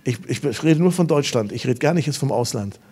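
Male preacher, mid-pitched, animated revival sermon delivered to a live congregation. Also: brisk, breathy edge. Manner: emphatic storytelling with sudden loud bursts. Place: church service before a congregation.

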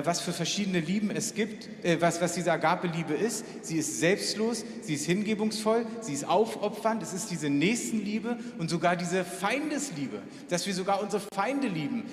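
A man delivers a sermon in an earnest, direct way, talking to each listener as "you". His voice sits somewhat high and rises further when he voices prayers. The recording carries a long hall reverb with faint room ambience. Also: a little hiss or hum. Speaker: preacher.

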